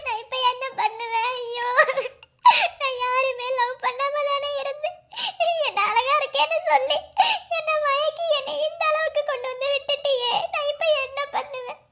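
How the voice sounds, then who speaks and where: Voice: very high voice, fairly quick, pushed and bright. A performer voicing a betrayed young pregnant woman in a cartoon love story, pleading and wailing through tears.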